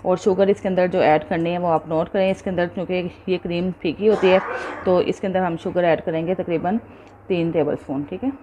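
A woman walks viewers through a recipe in a home kitchen, her voice low and mellow. She is patient, explains every step and keeps checking in with her audience. A faint hiss of noise sits under the recording. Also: fairly even intonation, fairly quick, highs cut off. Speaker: cooking show host. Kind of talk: step-by-step cooking instruction.

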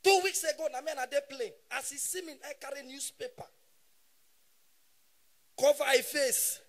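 Man, Nigerian Pidgin accent, stand-up comic, very high voice, bright edge, animated, shouts punchlines. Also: normal speed. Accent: Nigerian Pidgin English. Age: 30s. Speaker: stand-up comedian.

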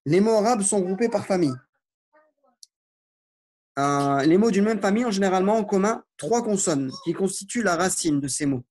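Guy teaching arabic online, reads phrases slow then explains in french, voice a bit high. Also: lively intonation, a little mellow. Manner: informal, reassuring explanations. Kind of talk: online language lesson.

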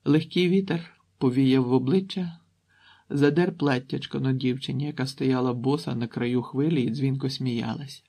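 Raspy male audiobook narrator. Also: medium pitch, fairly even intonation, moderate pace, warm tone. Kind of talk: scripted narration.

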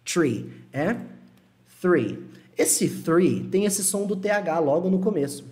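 A young man teaching an online lesson, relaxed and reassuring, repeating words slowly to model pronunciation. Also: high voice. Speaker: English teacher.

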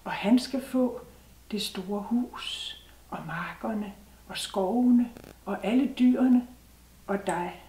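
Woman doing a young widow, warm and insistent, mid pitch, distant echoey mic. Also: pauses often, close to an everyday voice. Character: young widow welcoming a new husband. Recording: roomy sound from a distant mic.

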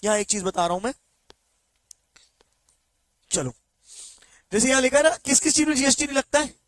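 A male teacher giving an online exam-prep lecture, mixing Hindi with slow English read-outs and quizzing students with quick check questions. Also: very high voice, lively intonation, fairly bright tone, no room sound.

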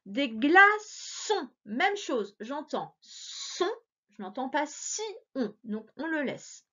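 A woman's voice: sits high, big pitch swings, takes it slowly. A woman teacher giving a remote reading lesson to young children, sounding out words syllable by syllable in a patient, encouraging way. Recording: dull lo-fi recording.

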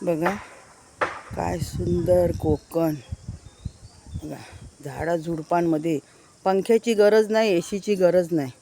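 Strolling outdoors through village gardens, a married woman chats with her viewers while filming on her phone, repeatedly pointing things out in this casual walking-tour vlog. She speaks slowly with long pauses, in a fairly low, steady, mellow voice. The recording has a little hiss or hum.

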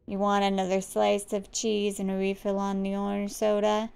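A woman voicing a laid-back man who works at a pizza parlor in a game, speaking in a slow, dry drawl. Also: medium pitch, completely flat delivery, creaky, a little mellow, clean tone, lightly acted.

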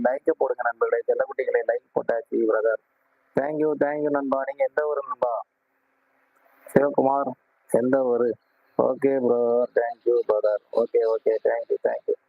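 A man hosting a casual live stream, greeting viewers warmly and repeatedly asking them to like and subscribe. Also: mid-range voice, steady tone, moderate pace, vocal fry, no echo. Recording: tinny phone-like sound.

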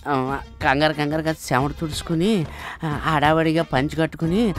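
A henpecked office clerk, played by an actor, rueful as he tells his tale in a comedy film. His voice sits a bit high, with faint music behind. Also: steady tone, moderate pace, close to an everyday voice. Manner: rueful storytelling. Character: henpecked married clerk recounting his fate. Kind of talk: comic film acting.

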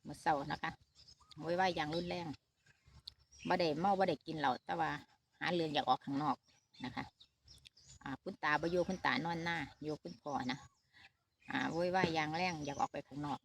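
Gravelly-voiced Isan mother vlogging outdoors. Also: deep voice, steady tone, a little fast, pauses often, a little hiss or hum. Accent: Isan Thai. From Northeast Thailand. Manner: chatty, talks straight to viewers with many fillers. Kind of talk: casual family vlog update. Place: outdoors at a shaded farm among trees. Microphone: handheld phone camera.

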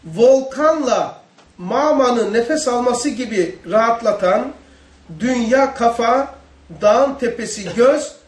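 Guy teaching a religious lesson, kinda high voice, echoey room, mic far off. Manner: asks the listeners questions.

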